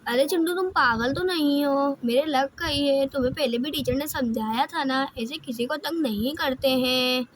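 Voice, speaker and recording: A woman's voice: high voice, normal speed, few pauses, noisy background, close to an everyday voice. A woman voicing a young girl in a cartoon, reproaching a boy who pushed her. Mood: reproachful.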